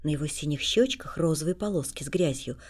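A woman calmly narrating a classic novel as an audiobook. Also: low-pitched, a little fast. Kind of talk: scripted narration.

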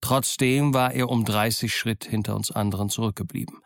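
A man reading an adventure novel aloud in calm, measured first-person narration. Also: fairly low pitch, gravelly, no echo, clean studio sound. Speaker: audiobook narrator.

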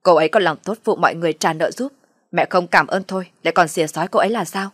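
A woman's voice: low voice, little pitch movement, a little fast, fairly bright tone, no room sound, studio quality. A woman voicing an exasperated husband who firmly defends his wife. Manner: firm irritated snapping.

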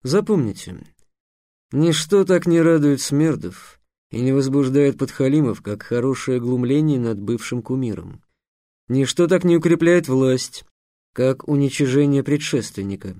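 Мужчина читает за язвительного декана-наставника. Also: male voice, medium pitch, lively intonation, a little slow, mellow, no echo, studio quality. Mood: lecturing. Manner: lecturing, sarcastic, commanding. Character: stern, scornful male dean teaching assassins. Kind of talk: audiobook character voice.

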